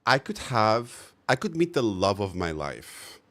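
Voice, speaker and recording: A man with a lowish voice streams live, chatting casually and unhurriedly with viewers. He's animated, swears freely and laughs often.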